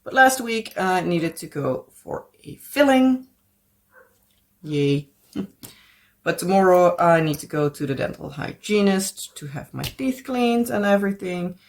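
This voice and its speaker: A Dutch woman with a Dutch accent chats casually at home while crafting for her vlog, her voice on the low side, animated and a little slow. She rambles, hunts for English words, and laughs softly often.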